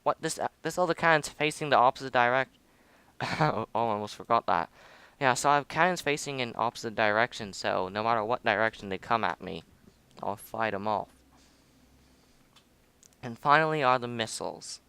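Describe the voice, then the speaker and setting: A man's voice: mid-range voice, lively intonation, moderate pace, sharp tone, clear, resonant tone, dry recording. A young man casually commenting on his own space game footage, rambling, humming and joking at himself. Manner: rambling, self-mocking, hums and mutters to himself. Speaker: gameplay video host.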